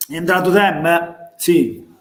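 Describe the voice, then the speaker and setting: A man with a Neapolitan accent, a passionate football fan calling a live match, going hoarse as he shouts encouragement. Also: fairly high pitch, steady tone, a little slow, echoey room. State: losing his voice. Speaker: fan streamer doing live match commentary. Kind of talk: excited live football watch-along commentary.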